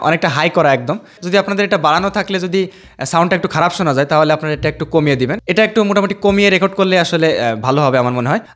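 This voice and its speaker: A man explaining a microphone setup and sound test to his viewers, recorded on a desk microphone. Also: sits high. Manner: explanatory, addresses viewers directly. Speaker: tech reviewer. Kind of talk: product review and sound test. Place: at a desk indoors. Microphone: desk USB dynamic microphone on an arm stand.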